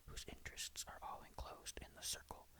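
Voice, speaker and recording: A person reading a ghost story aloud in a breathy whisper, hushed and suspenseful, close to the mic. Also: brisk.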